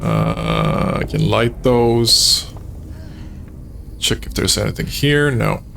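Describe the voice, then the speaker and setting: A man's voice: medium pitch, huge pitch swings, takes it slowly, vocal fry, fairly bright tone, slight background noise. A man streaming a horror game, talking casually and enthusiastically to his viewers with chuckles. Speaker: gaming streamer. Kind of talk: casual gameplay commentary.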